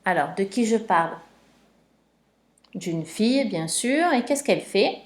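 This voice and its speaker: A woman teacher talks a young child through spelling rules at a slow, patient pace. She spells out letters one at a time and repeats each point. Her voice is recorded dry and close, with no room sound. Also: medium pitch, animated, no echo. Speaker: primary school teacher.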